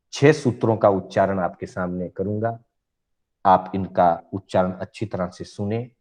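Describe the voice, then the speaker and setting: A man teaching Jain scripture, slowly reciting Sanskrit sutras, repeating each one, and patiently explaining them to his listeners. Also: low voice, a little mellow. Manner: patient, addresses listeners as brothers.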